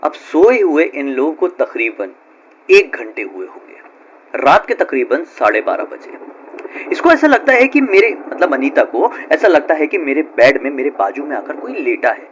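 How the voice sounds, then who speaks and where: A man's voice: fairly high pitch, big pitch swings, normal speed, a little hiss or hum. A man telling a horror story in a casual, chatty way, full of fillers. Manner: chatty, conversational, with frequent fillers.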